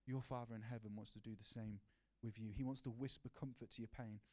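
A man with a lowish, warm, steady voice preaches at a quick pace, earnestly and personally sharing his own story. He asks the congregation questions, uses many rhetorical questions, and restarts his sentences often.

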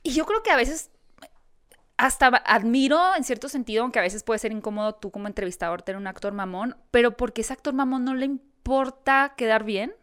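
A woman's voice: fairly high pitch, brisk, fairly bright tone, clean tone. A Mexican woman who interviews actors, chatting casually and animatedly, often correcting herself mid-sentence. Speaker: entertainment interviewer. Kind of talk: casual podcast chat.

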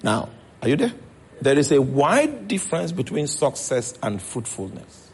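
A man's voice: mid-range voice, big pitch swings, measured pace, darkish tone, husky. A man with a Nigerian accent preaching a sermon as pastor, checking in with his congregation as he goes.

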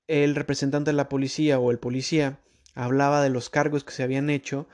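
A man, telling a personal story to his listeners in a casual, expressive way with frequent restarts. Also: mid-range voice, a little fast. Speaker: podcast host.

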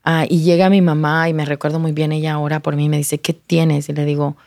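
A woman shares her testimony in a lowish voice. She talks in an emotional, halting way, restarting words and dropping into English now and then. The sound is dry and close, with no room around it. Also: flat delivery, vocal fry, darkish tone, dry recording. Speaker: guest sharing testimony. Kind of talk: personal testimony in conversation.

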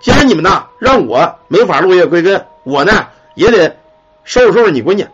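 A man's voice: sits high, big pitch swings, brisk, breathy edge, exaggerated voice. A man voicing a grumbling, stammering old ghost man who has lost a fight and gives in with bad grace. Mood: aggrieved. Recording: dull lo-fi recording.

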